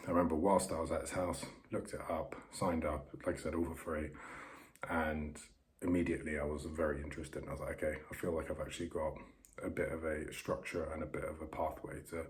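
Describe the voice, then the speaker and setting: A man speaks in a very deep register with little melody, keeping his voice hushed. He talks casually and a little self-consciously, like someone recording a vlog quietly so the people nearby won't hear. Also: little pitch movement, a little fast. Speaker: vlogger documenting learning to code. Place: upstairs bedroom in a holiday home.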